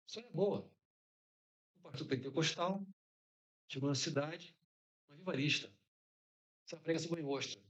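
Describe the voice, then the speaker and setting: Chatty Brazilian preacher, slightly high voice. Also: male voice, fairly bright tone. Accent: Brazilian Portuguese. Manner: chatty, joking, peppered with rhetorical questions. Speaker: conference speaker. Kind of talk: informal conference sermon.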